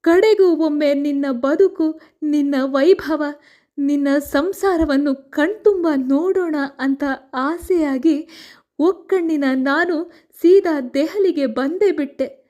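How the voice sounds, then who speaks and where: A woman's voice: high voice, takes it slowly, mellow, pitched above the performer's own voice. A woman voicing a dying one-eyed old mother who tenderly pleads with her son in a letter. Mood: tender sorrow.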